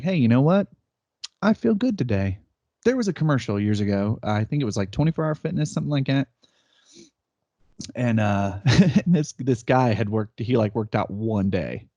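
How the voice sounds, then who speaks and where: A man's voice: mid-range voice, lively intonation, normal speed, warm tone, no echo, lo-fi sound. A man in his thirties co-hosting a podcast, telling stories in casual chat and laughing often as he acts out quotes. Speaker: podcast co-host. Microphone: remote call setup.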